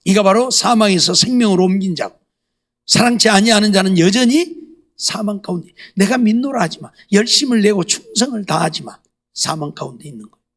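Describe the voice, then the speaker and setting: A man's voice: high voice, animated, fairly quick, a bit bright. A middle-aged male pastor preaching a sermon, emphatic and scolding, firing off rhetorical questions to the congregation.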